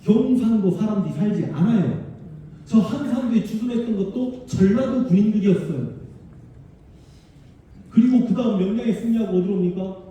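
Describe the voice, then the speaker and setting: Male history lecturer, lively and emphatic, dark voice, heard from afar in a booming hall. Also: normal speed, pauses often, lo-fi sound, slight background noise. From Korea, Honam region. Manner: animated, emphatic, chatty with the audience. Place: large civic auditorium. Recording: distant, very echoey hall sound.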